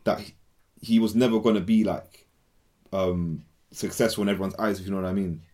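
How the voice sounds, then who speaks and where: A man's voice: deep voice, fairly even intonation, fairly quick, mellow. A young man with an urban London roadman accent, talking slangily about football in a casual debate and often repeating himself. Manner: slangy, repeats phrases, often ends on "innit".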